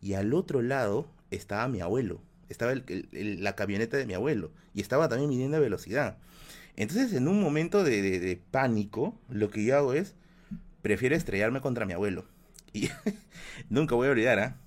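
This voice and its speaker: A man on a live stream, telling a personal story in a lively, animated way, with spoken sound effects and a frequent "¿ya?" at the ends of lines. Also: medium pitch, a little fast.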